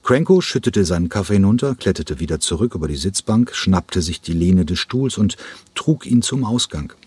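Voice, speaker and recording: A man narrating an audiobook in a measured storytelling way. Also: deep voice, animated, darkish tone, husky, no room sound. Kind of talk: scripted narration.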